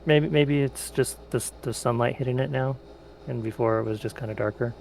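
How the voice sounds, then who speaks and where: A man's voice: mid-range voice, steady tone, brisk, creaky, a little mellow. A man speaking hesitantly in casual tabletop role-play. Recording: faint background noise.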